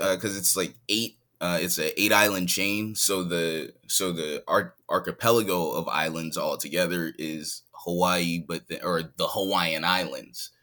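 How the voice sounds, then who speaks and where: A bright, forceful tone rides on this man's deep voice. He's a rapper guest on a podcast, a San Diego, California native calling in from his home in Hawaii, keeping things casual, laid-back, and full of easy laughter.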